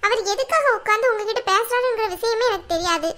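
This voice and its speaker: A woman's voice: extremely high pitch, fast, pushed and bright. A woman voicing a young daughter-in-law in a cartoon, pleading and protesting her innocence. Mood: aggrieved. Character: young daughter-in-law wife, defensive and wronged. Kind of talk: cartoon voice acting.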